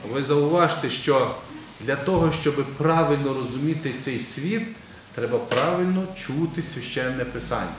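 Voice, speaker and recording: A man's voice: medium pitch, normal speed, a crowd in the background. A man, an Orthodox metropolitan, preaching a sermon in a large church and quizzing the congregation in a conversational way. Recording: very echoey church with faint ambient noise.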